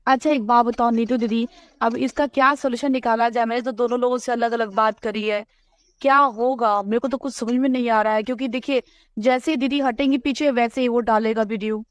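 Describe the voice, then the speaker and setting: A woman on a recorded phone call, talking anxiously with many hurried restarts. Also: fairly high pitch, fairly even intonation, no room sound, studio quality. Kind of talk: worried phone conversation.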